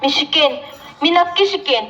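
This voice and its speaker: A desperate young village mother pleads and frets in a very high voice, played by a girl in a school play. The sound is dull and echoey, as in a hall. Music plays behind her. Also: normal speed, lightly acted. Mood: resolute. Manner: pleading, emotional.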